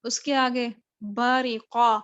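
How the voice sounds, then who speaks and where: A woman with a Pakistani accent teaching a recitation class online. She spells out and repeats syllables slowly and patiently. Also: a little high, little pitch movement, a bit bright, clean tone. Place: home room on a video call. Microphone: video call mic. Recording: dull lo-fi video call audio.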